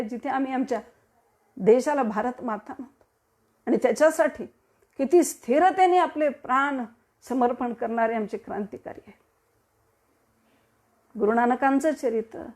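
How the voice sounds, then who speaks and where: Woman from maharashtra doing a devotional kirtan talk, high voice, rhetorical, swells up then drops. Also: darkish tone. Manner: rhetorical, declaiming with sudden swells. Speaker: kirtan preacher. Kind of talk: devotional discourse.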